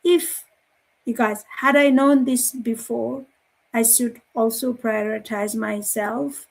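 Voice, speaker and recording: A woman in her forties from Nepal with a Nepali accent, speaking as a guest on a live online panel, halting, with many fillers and restarts. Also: a little high, steady tone, creaky.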